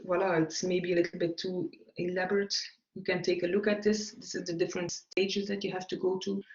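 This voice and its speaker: A man, an English speaker, giving a recorded navigation lecture in a halting way, with frequent fillers. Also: a little high, creaky. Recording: echoey room, dull lo-fi sound.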